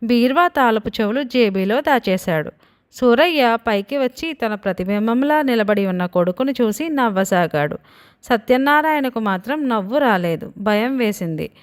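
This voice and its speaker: A woman narrating a children's moral story in an even, expressive storytelling manner. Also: fairly high pitch, moderate pace.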